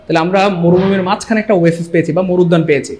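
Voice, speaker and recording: Fast, high-voiced male teacher. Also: a little hiss or hum. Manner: animated, joking, urges viewers to comment. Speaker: English grammar teacher. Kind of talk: live online class.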